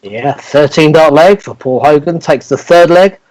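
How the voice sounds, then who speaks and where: Higher-pitched man calling darts scores. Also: a little slow, a little mellow, a little hiss or hum, low-quality recording. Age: middle-aged. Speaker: darts referee and score caller. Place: indoors on a video call.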